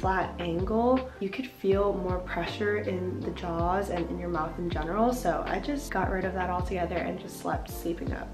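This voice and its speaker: A woman's voice: lowish voice, moderate pace, hardly any pauses. A young adult woman chatting casually to camera as a vlogger while recovering from wisdom teeth removal. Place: indoors at home, bedroom and kitchen. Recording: roomy echo with music behind.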